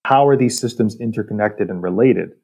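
A technical director appears as a guest on a podcast interview, explaining industrial detail in a measured way. His voice is relaxed, mellow and husky, a little low in pitch, with some vocal fry.

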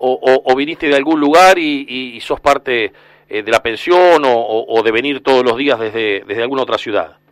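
Rambling Argentine radio host. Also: male voice, medium pitch, moderate pace, dry recording. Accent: Rioplatense Spanish. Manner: rambling questions with many restarts. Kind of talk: casual radio interview.

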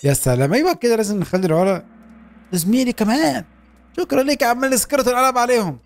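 A young man with an Egyptian Arabic accent giving excitable, joking commentary as he plays a game. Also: very high-pitched, rapid-fire. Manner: excitable, joking, urging his character on. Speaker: gaming YouTuber. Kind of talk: Let's Play commentary.

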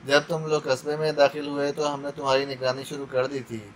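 A man's voice: medium pitch, completely flat delivery, a little fast, a little hiss or hum, lightly acted. A man voicing a wounded male captive under torture, stammering and pleading for mercy. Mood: shaken confession.

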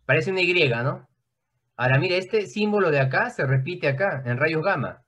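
Over a video call, a man with a fairly high voice gives an online class lecture, explaining at length in a loose, conversational way and repeatedly checking in with students. He sounds expressive, a bit bright and slightly breathy, speaking at a moderate pace.

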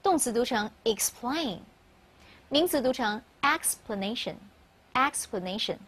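High-voiced and lively in intonation, this woman speaks fairly quickly. Her first language is Mandarin Chinese, and she uses it to teach English grammar, asking the class questions and then supplying the answers herself.

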